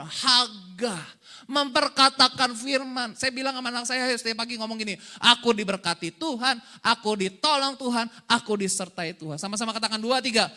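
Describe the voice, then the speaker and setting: A man preaching a lively, joking sermon as pastor, often asking the congregation questions. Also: extremely high pitch.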